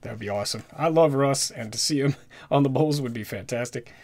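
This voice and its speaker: A man chatting casually while opening trading card packs, rattling off player names and getting excited at good pulls. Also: medium pitch, brisk. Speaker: card-collecting YouTuber. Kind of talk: casual pack-opening commentary. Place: indoors at a desk with a card display backdrop.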